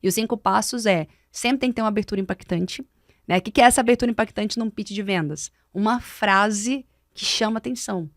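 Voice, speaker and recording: A woman's voice: medium pitch, a little fast, no room sound, studio quality. A Brazilian woman mentor explaining speaking techniques on a podcast, emphatic and didactic. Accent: Brazilian Portuguese. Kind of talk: podcast conversation. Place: podcast studio.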